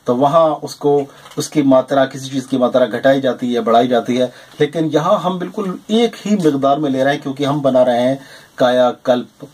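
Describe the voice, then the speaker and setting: A man's voice: fairly high pitch, breathy edge. A man in his forties animatedly explaining a herbal home remedy to viewers, with frequent emphatic affirmations, recorded at desk distance in a small room. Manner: animated and emphatic, with repeated "jī hāṃ" and "ṭhīk hai". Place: small indoor room lined with shelves of medicine bottles.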